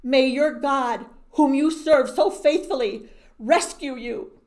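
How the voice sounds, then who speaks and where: A woman voicing an ancient male king who speaks solemnly and loudly. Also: sits high, slow, voice pushed up. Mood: fervent. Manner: declaiming, loud and raised.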